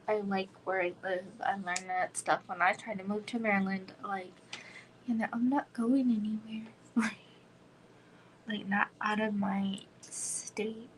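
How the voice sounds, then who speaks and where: A woman's voice: medium pitch, a little hiss or hum, rough recording. A woman in her thirties chatting casually on a home livestream, rambling with many "like" fillers and slipping into whispers. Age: 30s. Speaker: livestream host. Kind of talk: casual chat.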